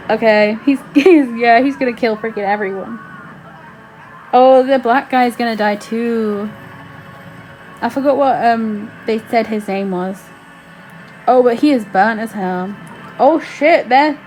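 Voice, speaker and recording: A woman reacting to a show in casual commentary, excitable and full of slang and swearing. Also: fairly high pitch. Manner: excitable, exclaiming, slangy and profane. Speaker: reaction video host.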